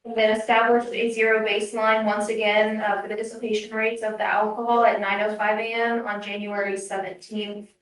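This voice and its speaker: A woman's voice: medium pitch, little pitch movement, a little fast, few pauses. A woman testifying formally as a witness, captured in a courtroom recording. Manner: formal, procedural wording. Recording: echoey courtroom, distant microphone.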